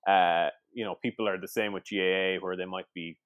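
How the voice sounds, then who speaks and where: A man's voice: deep voice, steady tone, fairly quick, fairly bright tone, clean tone, dry recording. A man with a west of Ireland accent chatting casually about sport in a loose, rambling way full of filler phrases. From Sligo, west of Ireland. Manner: hesitant, rambling, many "like" and "you know". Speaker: podcast co-host.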